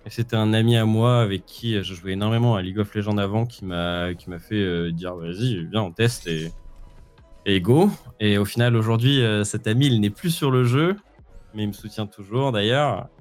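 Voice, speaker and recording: A man's voice: on the low side, moderate pace, darkish tone, faint music behind. A man in his twenties with a Parisian French accent, chatting casually and hesitantly as an interview guest. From Paris region, France. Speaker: esports player, podcast guest.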